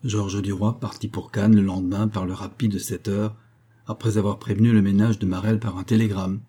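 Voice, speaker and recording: A man narrating a classic novel as an audiobook in a measured, even reading. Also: on the low side, husky. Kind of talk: scripted narration.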